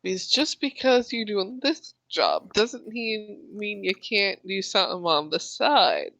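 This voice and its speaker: A game master chatting casually while running a tabletop game, with pauses to think. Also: mid-range voice, expressive, bright, forceful tone, no echo.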